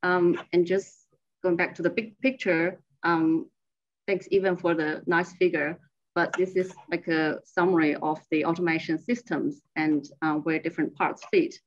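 A woman's voice: fairly low pitch, steady tone, moderate pace, highs cut off. A woman research associate giving a slide presentation over a remote screen-share call, explaining her work step by step.

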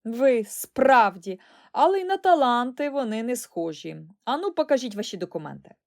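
A woman's voice: a little high, sing-song, normal speed, voice pushed up. A woman voicing a stubborn, suspicious boy twin who squabbles and teases. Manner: quarrelsome, teasing.

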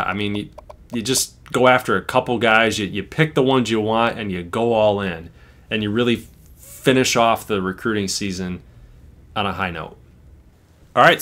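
A man co-hosting a casual chat about a football video game, excitable and quick to cheer or groan. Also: medium pitch. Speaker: co-host. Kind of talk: casual gaming commentary.

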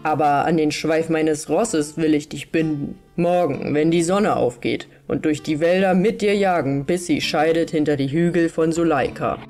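A woman's voice: low voice, normal speed, hardly any pauses, darkish tone, soft background music, natural voice. A woman voicing a stern, commanding robber chief who barks out wrathful orders in a storybook reading.

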